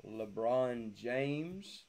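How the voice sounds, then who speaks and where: A man's voice: medium pitch, animated, very slow, darkish tone. Guy ripping cards on a live break, calling out players, cracks jokes. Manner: reads out player names, joking asides. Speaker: card break host. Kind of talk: live card-opening commentary.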